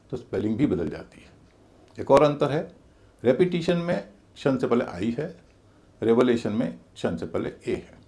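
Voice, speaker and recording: A man teaches English pronunciation in a video class, with a gravelly edge to his voice. His pitch rises and falls a lot as he spells out letters and chants the stress of each word, in a middle register. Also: a little mellow.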